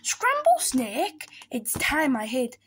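A woman's voice: sits high, huge pitch swings, measured pace, pitched above the performer's own voice, full character voice. A woman doing a hissing whispery snake. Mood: sly. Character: sly hissing male snake.

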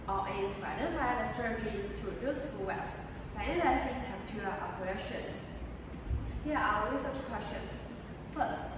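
A teenage girl from Taiwan, earnestly reading a scripted English presentation as a student presenter. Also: mid-range voice. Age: teens. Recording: echoey hall from far off, noisy.

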